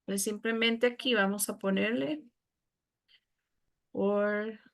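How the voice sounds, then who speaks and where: A woman's voice: medium pitch, steady tone, slow, gravelly. A woman teacher with a Costa Rican Spanish accent, explaining a lesson patiently to her students. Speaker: English teacher.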